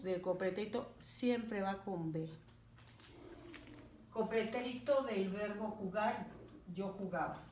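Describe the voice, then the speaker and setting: A woman teacher gives a grammar lesson, talking slowly and deliberately and checking in with her students as she goes. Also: medium pitch, fairly bright tone. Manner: slow and deliberate, checking in with "¿de acuerdo?". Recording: roomy, distant, faint background noise.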